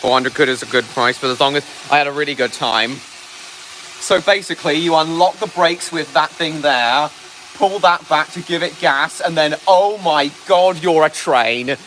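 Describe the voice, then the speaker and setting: Slightly high-voiced and speaking at a normal pace, this train-enthusiast livestreamer talks casually outside by a heritage railway engine, raising his voice and often saying things again. The audio is poor, with loud steam engine noise behind him.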